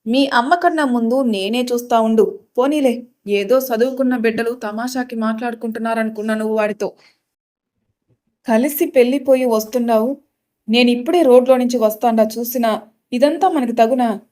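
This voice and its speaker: A woman voicing a stern middle-aged village father who lectures his daughter loudly. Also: a little high, normal speed, natural voice. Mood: angry. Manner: harsh, loud, lecturing.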